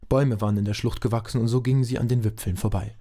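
A male narrator who reads a fantasy radio play in a dry, matter-of-fact style. His voice is warm and mellow, pitched in the middle of the range. The delivery is steady and unfussy. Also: rapid-fire. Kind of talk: scripted audio drama narration.

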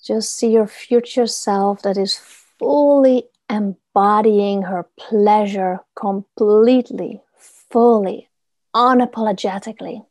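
A woman leading a guided body meditation in a soothing, gentle murmur, giving soft instructions with pauses between phrases. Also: medium pitch, no echo.

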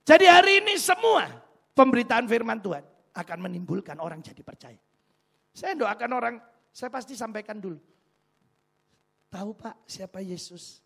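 A man preaching in a high, gravelly voice with a husky edge. He mixes jokes with rhetorical questions to his congregation, building a lively, engaging sermon. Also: a little fast. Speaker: pastor.

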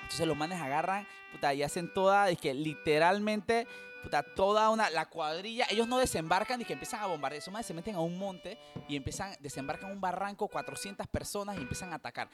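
A man's voice: high voice, brisk, soft background music. A young man with a Panamanian accent telling a history story in casual, slangy chat, often laughing and restarting his sentences. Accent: Panamanian Spanish. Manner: animated, laughing, heavy slang and swearing, restarts.

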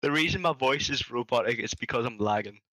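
A man's voice: mid-range voice, fairly quick, noisy background. A young man co-hosting a casual podcast, his voice turned robotic and metallic by lag on the call, talking in a laid-back, joking way. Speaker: podcast co-host. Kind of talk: casual chat.

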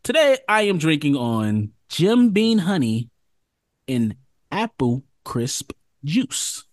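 Male co-host, lively swooping delivery, hype-man energy, dry close recording. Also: a little high, takes it slowly, no echo. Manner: animated, hype interjections, laughs often. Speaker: podcast co-host. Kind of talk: casual podcast chat.

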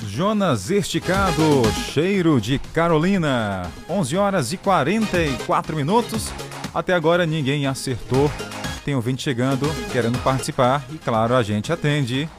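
A man's voice: a little high, animated, moderate pace. A Brazilian man hosting a live call-in quiz show on the radio, teasing callers playfully from a studio microphone. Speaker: radio host. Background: background music.

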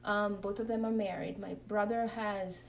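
A woman's voice: mid-range voice, fairly even intonation, moderate pace, gravelly, a little hiss or hum. A woman, a religious sister, earnestly sharing her faith story and leading prayer in an interview. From Kenya. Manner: earnest, reflective. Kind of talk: interview testimony and spoken prayer. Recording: voice a bit far from the mic.

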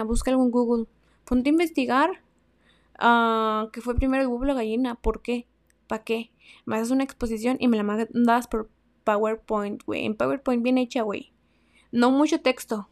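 A young woman with a Mexican accent hosting a casual advice podcast, chatty and slangy, swinging between loud emphasis and soft asides. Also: on the high side. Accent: Mexican Spanish. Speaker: podcast host.

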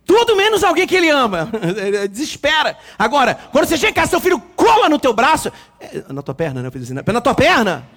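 A man preaching a lively sermon, joking with the congregation and acting out quotes. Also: very high-pitched, quick pace. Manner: animated, jokes with the congregation, acts out quotes. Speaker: pastor.

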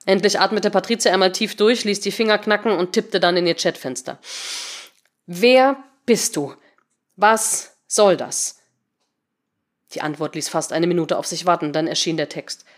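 A woman narrating a German story in a calm, even storytelling way. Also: fairly low pitch, fast, hardly any pauses. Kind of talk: audiobook narration.

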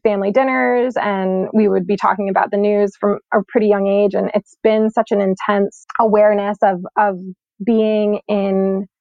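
In an interview, a young woman who's a climate scientist, born in Sweden and brought up in New York, talks casually and reflectively, peppering her speech with "like" and "um." Her creaky voice is mid-range at normal speed. The recording has no room sound but is dull and lo-fi.

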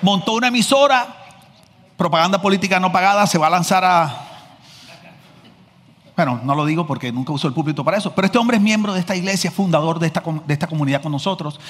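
A man preaching a sermon as pastor, telling stories in a lively, joking manner. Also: sits high, fast. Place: large church hall. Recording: echoey church hall.

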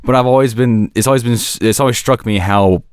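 A man hosting a podcast in casual analytical conversation, often pausing to search for words and rephrase. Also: mid-range voice, smooth, no echo, clean studio sound. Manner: hesitant, searching for words, self-correcting. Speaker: podcast host discussing an animated series.

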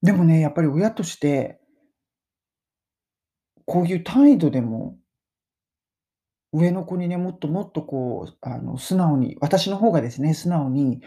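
A middle-aged woman hosting a casual spoken lesson, chatting and slowly modelling English phrases for listeners to repeat. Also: sits low, animated, dark tone. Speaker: English pronunciation teacher and podcast host.

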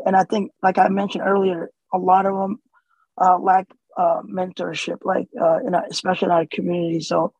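Hesitant husky man with a flat voice. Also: high-pitched, a little fast, no room sound, low-quality recording. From born in Somalia, raised in the US. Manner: hesitant, many fillers and restarts. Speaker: interview guest, community organizer. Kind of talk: casual conversational interview.

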